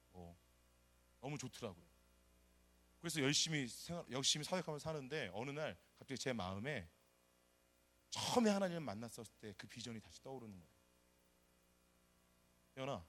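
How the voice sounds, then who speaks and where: A middle-aged man from South Korea, a pastor preaching a sermon and telling his own story, animated and acting out the people he quotes. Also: medium pitch, slight background noise. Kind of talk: sermon with personal testimony.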